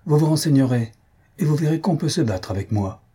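A man's voice: on the high side, expressive, a little fast, dark tone, breathy edge, voice pushed up. A man doing an earnest young man in love. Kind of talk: audiobook reading.

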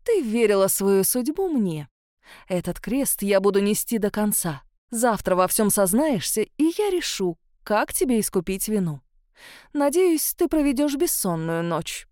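A woman's voice: sing-song, measured pace, warm tone, no room sound, clean studio sound. A woman reading an audiobook voices a spiteful, sanctimonious old countess who hisses and scolds with scorn. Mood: cold. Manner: hissing, scornful, shrill scolding. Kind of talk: audiobook character voice.

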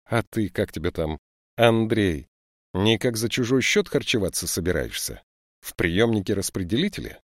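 A man's voice: fairly low pitch, big pitch swings, normal speed, no echo, studio quality, pitched above the performer's own voice. A man voicing a strict, stocky woman police lieutenant in an audiobook, scolding and lecturing young thieves. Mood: stern. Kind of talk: audiobook character voice.

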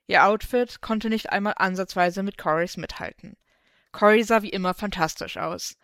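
A woman narrates a fan story in a steady, even storytelling manner. Her voice is smooth and clear, recorded close with a dry, roomless sound. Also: medium pitch, moderate pace, no room sound. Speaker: fanfiction reader.

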